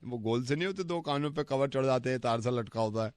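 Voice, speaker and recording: A man's voice: medium pitch, fast, a little mellow, clean tone, no echo, clean studio sound. A man on a radio prank call, earnestly rambling through a nonsense story.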